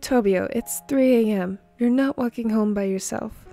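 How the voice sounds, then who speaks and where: A woman reading the lines of a calm, protective young man who grumbles low and slow, in a fan fiction reading. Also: soft background music, lightly acted.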